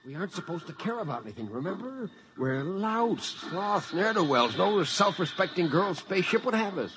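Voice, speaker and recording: Sardonic crewman and narrator; animated delivery, hissy vintage broadcast. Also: high voice. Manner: wry, quick wisecracks. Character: wisecracking spaceman crew member, narrates. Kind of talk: 1950s radio drama acting. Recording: old radio recording with clear hiss.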